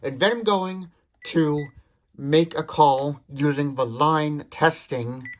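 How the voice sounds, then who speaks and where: Speaking slowly in a voice on the high side, a tech demo host methodically explains product features step by step during a hands-on demonstration. A little hiss or hum can be heard.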